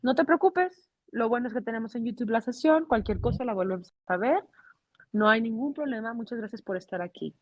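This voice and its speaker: A woman's voice: a little high, fairly quick, dry recording, muffled recording. A woman teaching English to adult learners in a video-call class, mixing English and Spanish and checking in with "okay?".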